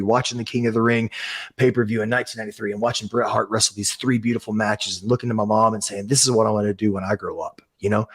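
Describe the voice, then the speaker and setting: A man's voice: lowish voice, slightly rough. A man in his thirties, a guest on a podcast, telling a story in an earnest, emotional way and swearing freely. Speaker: professional wrestler, guest.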